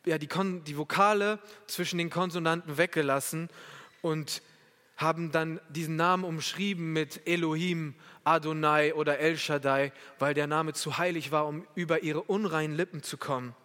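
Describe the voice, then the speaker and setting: A man's voice: a little high, fairly even intonation, normal speed, a bit bright. A male preacher giving a sermon, emphatic and speaking straight to his listeners. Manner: emphatic, addresses the listeners directly. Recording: echoey hall.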